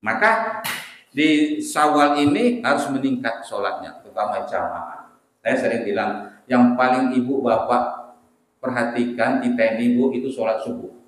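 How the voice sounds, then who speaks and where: Preacher in an echoing mosque. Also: male voice, mid-range voice, lively intonation, measured pace. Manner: conversational, questions the congregation directly. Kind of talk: sermon. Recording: very echoey mosque hall.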